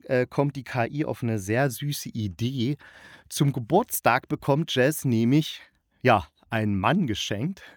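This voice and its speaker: Reviewing audio dramas on his podcast, a man speaks casually and wryly, as if just chatting. His pitch is medium, and the studio recording has no room sound.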